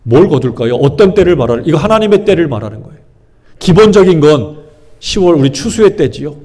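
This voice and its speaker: Male pastor, sermon, higher-pitched voice, rhetorical questions to the pews. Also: very animated, brisk, mellow. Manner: asks the congregation rhetorical questions and answers them; acts out people's inner thoughts in shifting voices.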